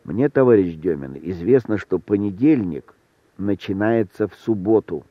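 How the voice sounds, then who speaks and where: A man voicing a gruff, sullen young wizard with a husky, rude manner. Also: medium pitch, sing-song, normal speed, dry recording, close to an everyday voice. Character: gruff, surly young male wizard, hoarse. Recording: thin phone-like sound, dry.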